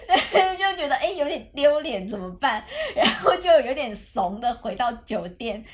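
A young adult woman co-hosting a podcast, telling a story in casual chat, animated and laughing often. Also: high-pitched, unhurried. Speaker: podcast co-host.

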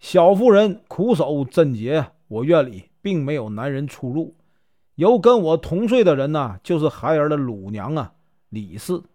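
A man's voice: fairly high pitch, very animated, measured pace, dark tone, no room sound, clean studio sound. A man voicing a wronged young widow in a folk tale, pleading and emotional.

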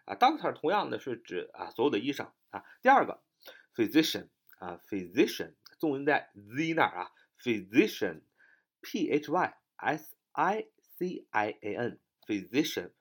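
A man teaching English vocabulary, spelling each word letter by letter, repeating it, and tagging his phrases with a drawn-out "ah". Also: mid-range voice, big pitch swings. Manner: ends phrases with a drawn-out "ah" particle. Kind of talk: vocabulary lesson.

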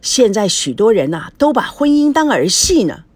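A woman's voice: medium pitch, sing-song, moderate pace, husky, no echo. Woman doing a gossipy shop clerk.

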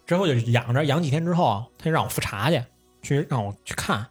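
Young male podcast host, lively swooping delivery, casual and profane. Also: mid-range voice, fast, breathy edge, soft background music. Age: young adult. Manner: animated storyteller, swears, laughs often. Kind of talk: casual chat.

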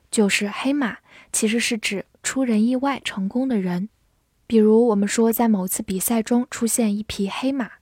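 A woman teaching English vocabulary in a scripted lesson, spelling words letter by letter and reading example sentences slowly. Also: mid-range voice, darkish tone, slightly rough, dry recording, studio quality.

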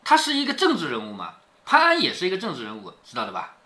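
Animated man explaining a story aloud. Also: a little high, fast talker. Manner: chatty, often checks in with the listener. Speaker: father reading a classic novel to his daughter.

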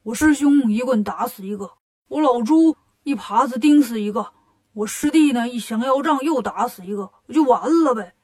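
A woman's voice: on the high side, moderate pace, darkish tone, close to an everyday voice. A woman voicing a jealous, boastful pig disciple in a children's storybook tale, drawling and self-satisfied. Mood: smug.

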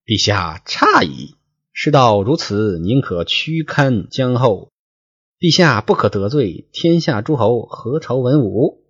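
Cunning storybook consort, read by a man, measured and coaxing, muffled lo-fi sound. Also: mid-range voice, very animated, a bit bright, slightly rough, full character voice. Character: scheming royal consort, cunning woman.

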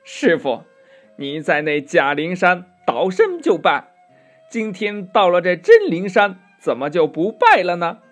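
A man's voice: high voice, huge pitch swings, measured pace, a bit bright, soft background music, exaggerated voice. A man voicing a clever, cheeky monkey king disciple who talks confidently and teasingly in a children's story.

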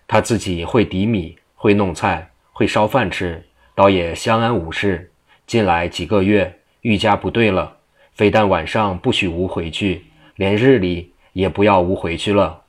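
A timid, simple-minded husband rambles through his troubles in a storybook tale, as a man with a low voice reads him. He speaks plainly, one small step after another.

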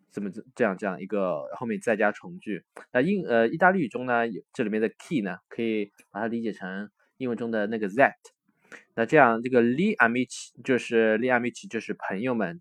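A man teaching a recorded language lesson, explaining step by step with frequent hesitations and slowly repeating words to spell out forms. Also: medium pitch, dry recording, studio quality.

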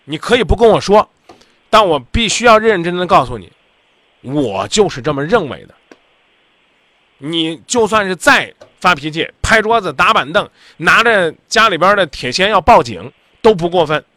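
A man's voice: high voice, very animated, moderate pace, sharp tone, dry recording. A man hosting a radio call-in advice show, talking bluntly and insistently, lecturing the caller.

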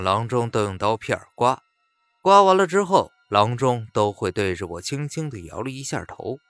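A male storyteller narrates a horror tale with animated, rising and falling delivery. His voice sits dry and close to the mic, with faint background music underneath. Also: medium pitch, dry recording. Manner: lively, expressive, acts out dialogue.

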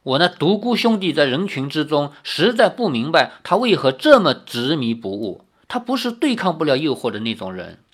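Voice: mid-range voice, big pitch swings, normal speed, few pauses. A storyteller reading a novel aloud expressively, adding casual asides.

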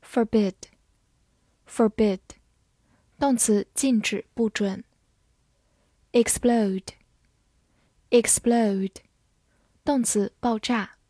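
A woman teaching English vocabulary in a scripted lesson. She says each English word twice, clearly, then explains it. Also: fairly high pitch, steady tone, very slow, long pauses, dark tone, no echo, studio quality.

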